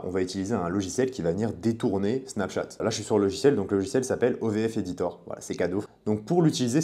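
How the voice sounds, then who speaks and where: A man's voice: lowish voice, warm tone. A man giving a casual, chatty tutorial as a coach, speaking directly to the viewer. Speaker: online business coach.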